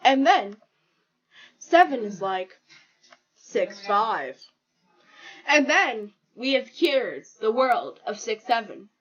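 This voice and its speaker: A woman talks through her drawing in a slow, unhurried way, making up a silly story as she goes and breaking into giggles. Her voice sits a little high and comes through a muffled, lo-fi recording. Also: big pitch swings. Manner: rambling, giggly, improvising a silly story aloud. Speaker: drawing video creator. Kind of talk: casual narration while drawing.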